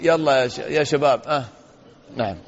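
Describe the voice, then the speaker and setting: Sheikh teaching kids in a hall. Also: male voice, medium pitch, brisk, slight background noise. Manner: questions pupils, praises answers, acts out dialogues. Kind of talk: interactive religious lesson. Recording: dull lo-fi audio in a reverberant hall.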